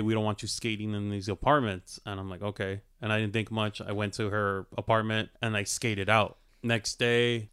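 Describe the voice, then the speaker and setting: A man's voice: on the low side, a bit bright, clear, resonant tone. A man, telling a story in a casual podcast chat, full of fillers. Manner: laid-back, storytelling with lots of fillers.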